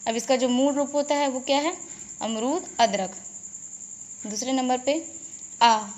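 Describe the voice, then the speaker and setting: A woman teacher giving a grammar lesson to a class, slowly repeating and explaining each point. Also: sits high, darkish tone. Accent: Indian. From India. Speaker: school teacher.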